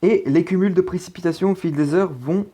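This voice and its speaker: A man's voice: high voice, brisk, warm tone. A man talking through a weather forecast in a casual, hesitant way, with many fillers and restarts. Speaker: amateur weather presenter. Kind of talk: casual forecast commentary over weather maps.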